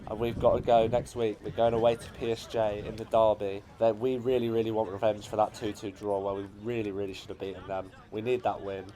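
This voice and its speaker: An English-accented man commentates on highlights of his own amateur football team's match, speaking fairly quickly with few pauses. As late chances come, his excitement builds to shouting and his voice cracks.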